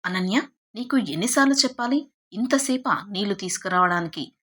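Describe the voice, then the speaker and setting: A woman narrating a storybook who voices a harsh stepmother that shouts at one daughter and pampers the other. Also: mid-range voice, moderate pace, natural voice. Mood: scolding. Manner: sharp scolding shouts and sudden sugary pampering. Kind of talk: storybook narration with acted quotes.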